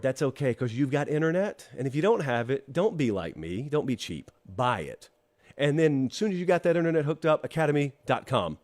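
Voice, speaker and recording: A middle-aged man hosts a live-streamed solo college football talk show that includes an ad read. Allergies leave him congested, and he chats while tossing wry asides to viewers in the live chat. His voice is medium in pitch and a little mellow.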